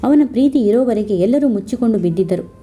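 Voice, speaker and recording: Angry sister-in-law voiced by a woman, storybook reading, scolding, ranting, very mellow dark tone. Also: a little high, expressive, fast, natural voice.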